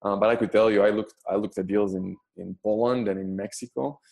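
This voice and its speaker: This podcast guest, an Israeli investor in his thirties who isn't a native English speaker, gives casual interview answers in a low, warm, rounded voice with vocal fry and fairly even intonation. He takes his time, stopping and restarting often and repeating words as he searches for phrases in non-native English.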